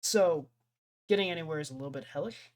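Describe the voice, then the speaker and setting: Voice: medium pitch, fast. A young streamer in casual chat with live viewers, rambling, laughing often and jumping from topic to topic.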